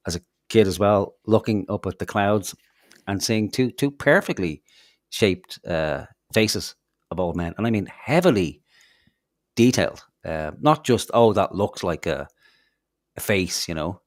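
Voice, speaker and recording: A man's voice: lowish voice, expressive, measured pace, no echo, clean studio sound. A man, co-hosting a podcast, telling rambling stories in casual chat with lots of fillers, restarts and swearing. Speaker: podcast co-host.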